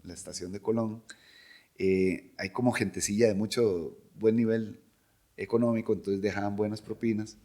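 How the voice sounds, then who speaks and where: Un hombre de unos cincuenta años con acento costarricense, cantante invitado a un podcast, que narra anécdotas de forma animada e imita las voces de otros. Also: male voice, lowish voice, moderate pace. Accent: Costa Rican. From Costa Rica. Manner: animated, imitates voices of people in his stories. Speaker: singer, podcast guest. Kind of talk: casual interview storytelling.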